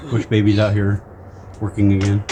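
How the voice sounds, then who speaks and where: A man's voice: on the low side, monotone, normal speed, noisy background. A man with a drawl, chatting casually as a homestead vlogger at home. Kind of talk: casual vlog chat.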